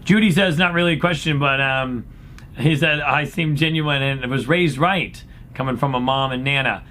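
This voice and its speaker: A man's voice: moderate pace, bright, forceful tone. A man speaking as an upbeat, folksy cruise director, casually answering questions in a laid-back chat. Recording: clear background noise with low rumble.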